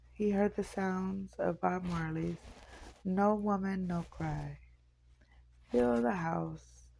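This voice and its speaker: A woman's voice: medium pitch, gravelly, darkish tone, rough recording. A woman reading a novel aloud, unpolished, stopping to correct herself and reread lines. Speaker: audiobook narrator.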